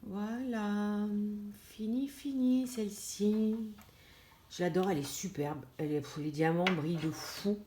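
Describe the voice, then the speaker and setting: A woman's voice: mid-range voice, fairly even intonation, unhurried, dark tone. A woman vlogger chatting casually to camera as she unboxes a diamond painting kit, with many fillers and restarts. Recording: echoey room, clear background noise.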